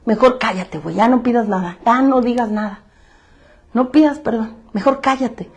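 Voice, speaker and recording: A woman with a Mexican accent speaks to a self-help group in a fairly high voice, telling her own story. She talks bluntly in street slang and swears freely. She hammers her points home by repeating the same phrases. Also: moderate pace, husky. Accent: Mexican Spanish. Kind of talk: candid testimony talk.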